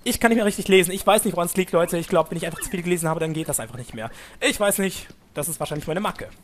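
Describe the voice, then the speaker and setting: A man's voice: high-pitched, very fast, slight background noise. A young man giving casual, chatty game commentary, swearing now and then and talking to his viewers. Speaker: let's play commentator. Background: game music.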